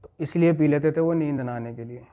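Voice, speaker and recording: Man leading a recovery class, somewhat high. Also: fairly quick. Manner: checks in with listeners, repeats key phrases. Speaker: addiction recovery class leader. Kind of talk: storytelling lecture. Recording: muffled lo-fi recording.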